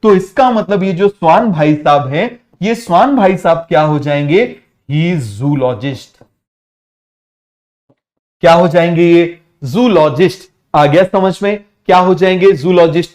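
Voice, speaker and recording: A man's voice: high voice, darkish tone. A man teaching biology in an online exam-prep lecture, quizzing students with repeated questions and mixing in English science terms. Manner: drills students with repeated call-and-response questions; mixes English science terms into casual talk.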